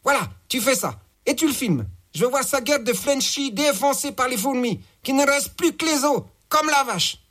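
Brief: a foul-mouthed boss, raised and husky voice, gloating orders, a storyteller putting him on. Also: male voice, very high-pitched, expressive, normal speed, hardly any pauses, fairly bright tone, voice pushed up, heavily acted. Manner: crude, bossy, gloating. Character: coarse foul-mouthed male gang boss.

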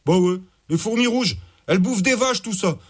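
A man voicing a crude, slow-witted thug who talks in slang and mocks his captive. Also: high voice, lively intonation, slightly rough, voice pushed up. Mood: mocking. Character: dim-witted crude male desert thug.

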